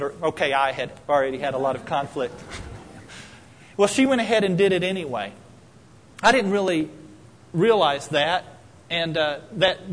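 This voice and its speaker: A male pastor preaches with animated, emphatic storytelling. His voice sits high for a man. A long reverb carries through a large church hall. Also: a little hiss or hum. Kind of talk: sermon.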